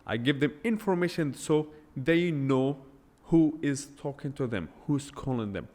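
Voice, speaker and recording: This podcast host's medium-pitched voice is a little mellow, with lively intonation and a slightly slow delivery, recorded in a big-sounding room. Alone at the mic with no script, he's emphatic and blunt and leans on rhetorical questions. He is not a native English speaker.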